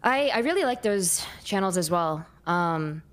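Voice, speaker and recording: A woman's voice: lowish voice, lively intonation, a little slow. A woman co-hosting a stream, reading viewer questions and asking curious follow-ups in casual chat.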